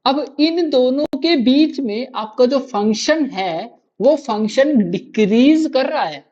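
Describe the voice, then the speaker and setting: A man's voice: extremely high pitch, expressive, slow, a little mellow, muffled recording. A man teaching maths in a live online class, quizzing students with constant rhetorical questions and repeating key answers to drill them in.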